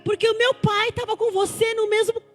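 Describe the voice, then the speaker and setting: A woman's voice: very high-pitched, flat delivery, brisk, faint music behind. A woman pastor preaching a testimony, telling the story with acted-out dialogue and building to fervent exhortation. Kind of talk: testimony sermon.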